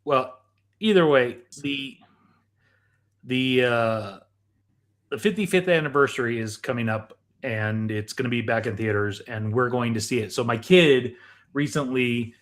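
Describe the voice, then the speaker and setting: Sampling food on a casual, conversational podcast, a middle-aged co-host talks in a medium-pitched voice at a slightly slow pace.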